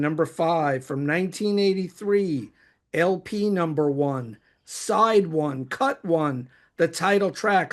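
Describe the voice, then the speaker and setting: New york guy with a high voice, reading off his notes, keen on the details. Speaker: host. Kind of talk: reading prepared notes on favourite songs.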